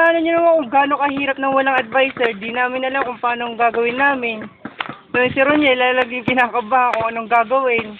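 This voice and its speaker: A teenage schoolgirl apologizing in a pleading, emotional way to her teacher. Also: high-pitched. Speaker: student. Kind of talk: casual apology video. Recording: tinny lo-fi camera with hiss.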